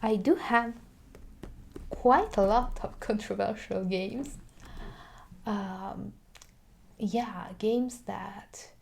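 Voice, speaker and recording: This ASMR roleplay features a woman as a video game shop clerk, her medium-pitched voice gravelly and soft-spoken. She falters and pauses as she talks, sometimes dropping into a whisper.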